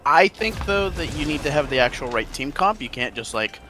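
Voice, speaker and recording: A man's voice: fairly high pitch, brisk. A young man talking casually with a teammate during a game, loose and full of filler words. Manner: relaxed, many filler words. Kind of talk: casual gaming chat. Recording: game music under voice.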